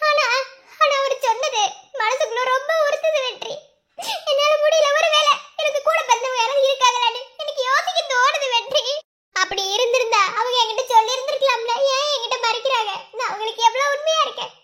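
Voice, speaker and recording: A woman's voice: very high voice, brisk, background noise. A woman voicing a young village wife in a cartoon, speaking with a Madurai Tamil accent in a pleading, sobbing way. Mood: upset. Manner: pleading, sobbing between words. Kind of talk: cartoon voice acting. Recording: cartoon dialogue over background music.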